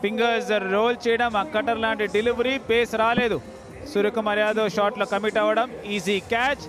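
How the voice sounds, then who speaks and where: A man's voice: high voice, flat delivery, fairly quick. A man giving cricket commentary in clipped, analytical phrases.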